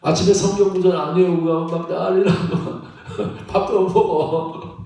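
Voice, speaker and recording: A man preaching a sermon as pastor, animated and laughing often, often checking in with the congregation. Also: sits high, a little slow, creaky. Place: church sanctuary. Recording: echoey church hall from far off.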